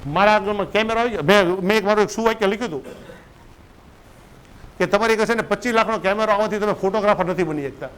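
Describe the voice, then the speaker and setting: A man's voice: high-pitched, fast, fairly bright tone, clean tone, rough recording. A man, giving a business coach's lecture and often asking his listeners "right?". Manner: conversational, keeps asking "right?" to check in.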